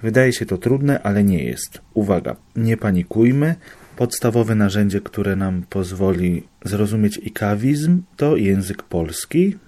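Man, low mellow voice, patient study explainer walking through examples. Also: expressive, unhurried.

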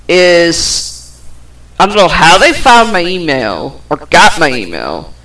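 A woman with a deep, fairly bright voice rants rambling on her own podcast, swearing now and then and trailing off into fillers. The audio quality is poor.

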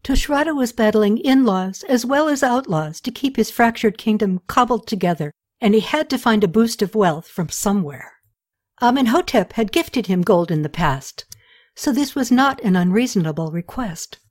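A woman narrating a historical novel in a steady, even storytelling voice. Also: on the high side, moderate pace. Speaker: audiobook narrator. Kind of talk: scripted narration.

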